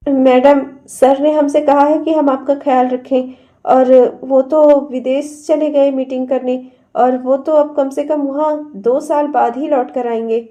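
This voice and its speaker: A polite household servant in a cartoon, voiced high, eager to please and deferential. The voice is high with a dark, soft tone. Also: male voice, little pitch movement, a little slow, lo-fi sound. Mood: dutiful.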